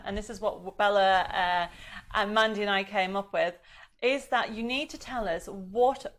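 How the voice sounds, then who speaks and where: A woman's voice: mid-range voice, fairly bright tone. A woman hosting a craft live stream, chatting informally and casually with viewers. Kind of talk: casual chat, greeting viewers.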